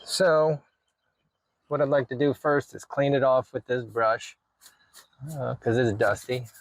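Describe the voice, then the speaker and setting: A medium-pitched male voice, measured in pace and recorded dry. He's a video creator narrating a hands-on DIY vlog about installing a radio, speaking informally and thinking aloud as he works.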